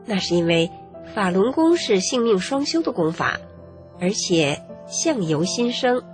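A woman narrating her own life story in an earnest, measured way. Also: medium pitch, big pitch swings. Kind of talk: first-person testimony narration. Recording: long reverb with faint music.

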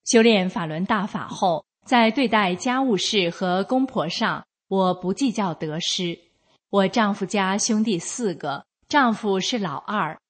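A woman reads a first-person account aloud from a script. She keeps an unhurried, deliberate pace, and her voice sits at a middle pitch for a woman. Her delivery stays even and measured throughout. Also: husky.

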